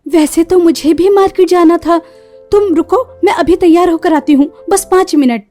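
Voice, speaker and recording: A woman voicing a meek, hardworking poor young daughter-in-law in a cartoon story, who speaks softly and humbly. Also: extremely high pitch, moderate pace, soft background music. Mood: polite.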